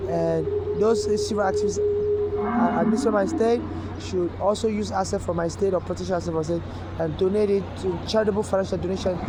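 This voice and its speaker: A man in a high, quick voice. He pleads in a rambling, repetitive way, stalling on words as he restarts. Loud street traffic runs behind him the whole time. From Nigeria. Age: 40s. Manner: urgent, repetitive, stammering restarts. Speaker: street vlogger appealing for donations. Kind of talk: rambling direct-to-camera appeal. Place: outdoors on a city street.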